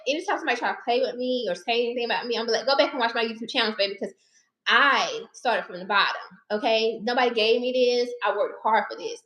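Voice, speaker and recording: A woman's voice: a little high, a bit bright. Chatty woman in her thirties, roomy echo. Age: 30s. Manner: chatty, direct, addresses viewers as y'all and baby. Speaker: personal finance YouTuber and licensed therapist. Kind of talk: casual chat to camera. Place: her living room or car.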